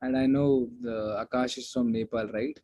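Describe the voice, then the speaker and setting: A man's voice: mid-range voice, steady tone, moderate pace, mellow, a little hiss or hum. Chatty man giving webinar advice. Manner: casual, chatty, off-the-cuff advice. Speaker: guest speaker at an online security meetup. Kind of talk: live webinar talk answering chat questions.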